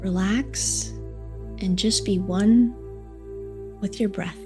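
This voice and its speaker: A woman reading a guided meditation softly and soothingly, in short unhurried phrases with long pauses. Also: medium pitch, steady tone. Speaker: live stream meditation host. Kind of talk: slow guided meditation, read from a script. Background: New-age music.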